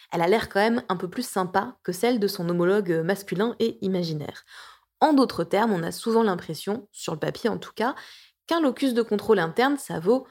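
A woman's voice: mid-range voice, darkish tone. A woman of around forty who hosts a podcast as a coach and therapist. She reads her blog articles aloud in a playful, jokey way, with self-mocking asides and plenty of hesitant restarts. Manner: chatty, with frequent hesitations and restarts.

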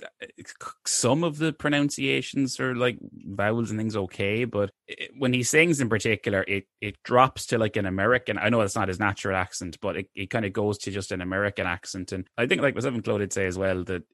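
A man co-hosts a relaxed film podcast. His voice sits on the low side, and his talk stumbles through fillers and restarts. The sound is dry and close. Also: a little fast, dry recording. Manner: hesitant, many restarts and fillers. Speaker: podcast co-host. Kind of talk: casual film discussion.

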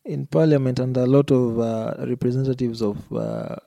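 Man, gravelly, dark relaxed tone, hesitant phrasing, casual talk. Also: mid-range voice, moderate pace. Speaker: podcast host. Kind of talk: casual discussion.

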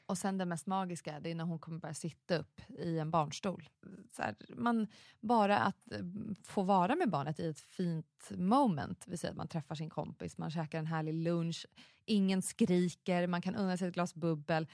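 Chatty woman with a lowish voice. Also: no echo, studio quality. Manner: chatty, animated, quick to exclaim. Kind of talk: casual chat.

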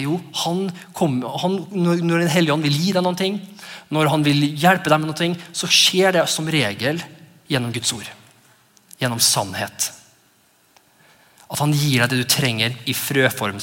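A man in his thirties preaching a sermon as pastor, animated and often laughing as he acts out his children's voices. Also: on the high side. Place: church. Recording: church hall reverb.

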